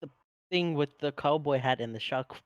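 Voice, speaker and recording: A man's voice: a little high, moderate pace, smooth, no room sound. A man who streams, chatting casually with slang and swearing. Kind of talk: casual chat.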